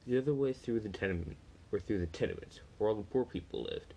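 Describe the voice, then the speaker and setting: A man's voice: lowish voice, lively intonation, quick pace, gravelly, dark tone, a little hiss or hum, low-quality recording. A man reading a first-person story aloud, plainly, with small slips and restarts.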